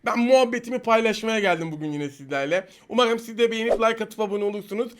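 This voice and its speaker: A young man commentating his own mobile shooter gameplay, excitable, swinging between teasing the enemies and exasperated outbursts. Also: sits high, fast. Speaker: mobile game streamer.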